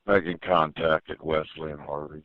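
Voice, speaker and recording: A man's voice: a bass voice, little pitch movement, moderate pace, no echo. A male police dispatcher heard over a police radio transmission, reading out units and addresses in clipped, methodical calls. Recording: narrow tinny radio channel, dry.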